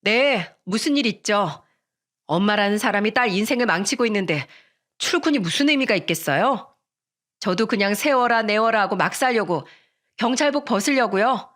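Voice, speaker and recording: A woman voicing a determined young woman in a radio story, speaking firmly and calmly as she defies her mother. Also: mid-range voice, natural voice. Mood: defiant. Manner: firm, calm, deliberate.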